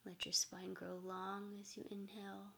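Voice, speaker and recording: A woman teaching meditation in a soft, gentle, hushed voice that trails off toward a whisper. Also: medium pitch, monotone, a little slow, gravelly. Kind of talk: soft-spoken guided meditation instruction.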